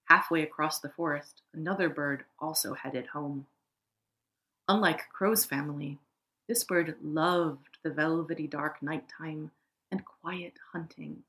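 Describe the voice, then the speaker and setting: Calm woman reading a fable. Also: low-pitched, a little slow. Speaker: podcast co-host reading a fable. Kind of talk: storybook narration.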